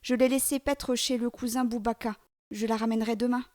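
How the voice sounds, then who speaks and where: A woman voicing a brave, cunning little boy in a storybook reading, with a high, mocking voice. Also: fairly even intonation, brisk, a little mellow, close to an everyday voice. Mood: calm.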